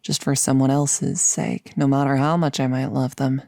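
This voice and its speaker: In an intimate ASMR roleplay, a woman voices a nervous but resolute girlfriend about to become a vampire, speaking hesitantly, rambling and earnest. Her voice is rumbling low, gravelly and a little mellow, with a level tone at normal speed. The recording is dry, with clean studio sound.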